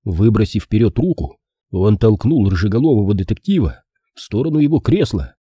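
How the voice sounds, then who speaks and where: A man narrates a detective story with an expressive, measured reading. His voice is warm and husky, with a lively rise and fall. The recording is dry and close. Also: on the low side, no room sound. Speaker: audiobook narrator. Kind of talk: scripted narration.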